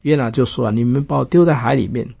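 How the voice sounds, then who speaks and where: Gravelly-voiced man preaching a sermon. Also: fast, dry recording. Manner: lively storytelling, quoting characters with raised pitch. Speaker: pastor. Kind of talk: sermon retelling Bible stories.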